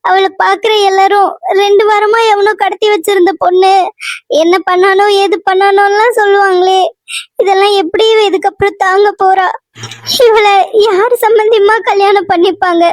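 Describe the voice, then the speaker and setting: Woman playing a high-pitched, tearful cartoon village mother with a dry close sound. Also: steady tone, moderate pace, no room sound. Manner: sobbing, repetitive lament. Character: grieving, wailing village mother, middle-aged. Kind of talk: cartoon serial voice acting.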